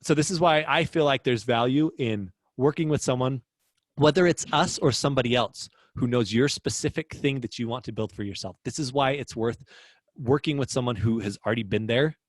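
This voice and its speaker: A man's voice: medium pitch, no echo, studio quality. A man hosting a casual livestream lesson as a business coach, chatty and upbeat, reading viewer comments aloud.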